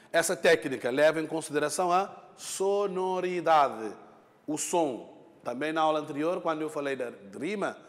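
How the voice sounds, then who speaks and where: A man's voice: on the high side, big-room sound. A male teacher giving a lesson, explaining patiently, repeating points, and checking in with his students. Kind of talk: classroom lesson.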